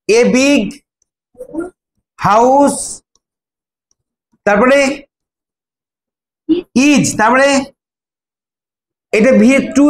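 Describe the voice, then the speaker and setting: High-voiced male teacher in echoey classroom. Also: slight background noise. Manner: prompting students by name, repeating words. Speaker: English teacher. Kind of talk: classroom lesson with students. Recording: echoey classroom, faint ambience.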